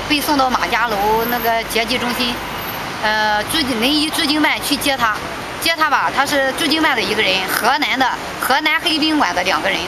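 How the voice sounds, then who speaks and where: A woman giving emotional spoken testimony, halting and repeating herself, her voice rising when agitated, recorded outdoors. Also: a little high, background noise. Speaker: petitioner's sister recounting events.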